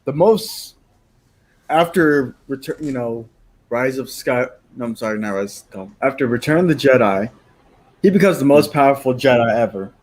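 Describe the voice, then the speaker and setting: A man's voice: mid-range voice, lively intonation, normal speed. A man on a podcast panel, talking indignantly in rhetorical questions and swearing now and then. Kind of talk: casual podcast chat.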